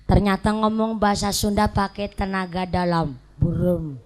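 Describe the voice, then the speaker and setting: A woman preacher with a Banyumasan ngapak accent, giving a humorous sermon to a congregation and telling lively stories. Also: sits high, unhurried. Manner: lively storytelling, mimics voices and mixes local dialects for jokes. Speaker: female Islamic preacher.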